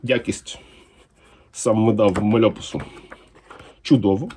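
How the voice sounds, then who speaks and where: A man's voice: on the low side, a little hiss or hum. A man talking casually and enthusiastically as he unboxes comics for his channel. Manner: enthusiastic, unhurried, lively intonation.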